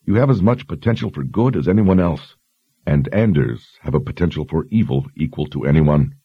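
A man voicing a stern but kind lord who speaks in a quiet, grave, measured way. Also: deep voice, expressive, breathy edge, no room sound, lo-fi sound.

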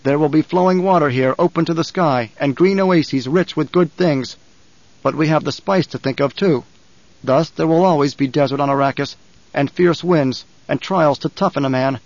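A man voicing a composed young male leader who speaks in a measured, commanding way. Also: fairly high pitch, no echo, natural voice. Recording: dull, dry studio recording.

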